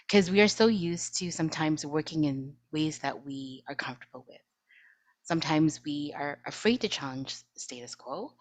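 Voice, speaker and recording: A middle-aged woman consultant introducing herself on a video-call panel, earnest, and her voice often drops soft at the end of a phrase. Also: sits low. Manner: earnest, trailing off softly at phrase ends.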